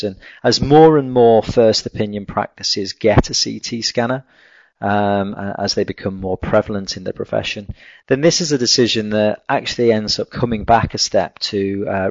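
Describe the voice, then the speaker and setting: A man lecturing on a clinical case over slides, in a measured, technical way with frequent fillers. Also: fairly low pitch, no room sound. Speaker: veterinary lecturer. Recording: dull lo-fi dry recording.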